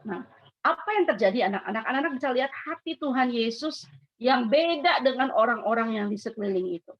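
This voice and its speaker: A woman giving a school devotion, telling a story to children in an animated way and asking them questions. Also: a little high, a little fast. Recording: dull lo-fi sound.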